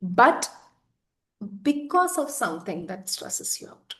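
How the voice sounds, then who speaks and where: A woman's voice: fairly high pitch, sing-song, slow, bright, forceful tone. A woman, earnestly explaining an emotional healing technique and repeating words for emphasis. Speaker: EFT practitioner guest. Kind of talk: conversational explanation.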